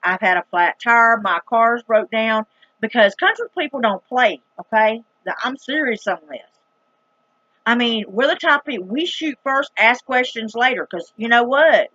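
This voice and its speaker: Animated and sharp-toned, her voice rides on the high side at a normal speed. The speaker is a middle-aged vlogger from the rural United States with a Southern accent, telling viewers a story in a casual, dramatic, emphatic and plain-spoken folksy way. The clip has no room sound, and its highs are cut off.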